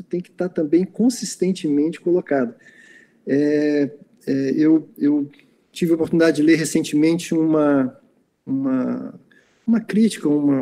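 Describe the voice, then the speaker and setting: A Brazilian man answers questions after an online lecture, circling back with fillers and restarts as he explains. His voice sits a little high but has a dark, mellow tone. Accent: Brazilian Portuguese. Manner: hesitant, many fillers and restarts.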